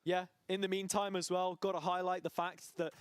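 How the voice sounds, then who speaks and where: Brief: male play-by-play caster, high voice, analytical then hyped, steady hiss on the feed. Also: moderate pace. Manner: analytical, rising to excited calls. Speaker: esports caster. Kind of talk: play-by-play esports commentary.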